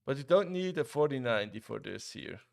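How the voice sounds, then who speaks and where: A young Swiss man streams a game live, chatting casually with viewers and reacting as he plays. His medium-pitched, creaky voice moves briskly, and he often restarts his sentences. The studio-quality recording has no echo.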